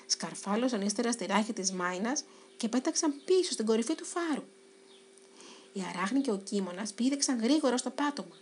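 A woman narrating a children's storybook in an expressive, dramatic way. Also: on the high side, slight background noise.

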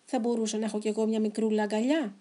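A woman's voice: medium pitch, little pitch movement, dark tone, lightly acted. A woman voicing little Elvis, a lonely spiky creature. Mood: polite pleading. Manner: pleading, polite. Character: small spiky male creature, polite and lonely. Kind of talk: storybook reading.

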